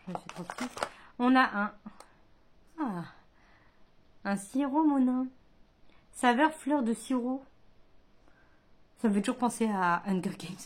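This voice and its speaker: A woman's voice: fairly high pitch, a little mellow, slight background noise. A woman chatting casually in a book vlog, hesitant and thinking aloud, full of fillers and restarts. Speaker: book vlogger. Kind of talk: casual chat.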